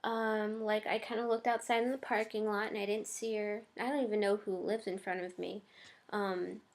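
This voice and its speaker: A woman's voice: medium pitch, little pitch movement, moderate pace. A young woman chatting casually in her first vlog, hesitant and full of ums and likes. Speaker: vlogger.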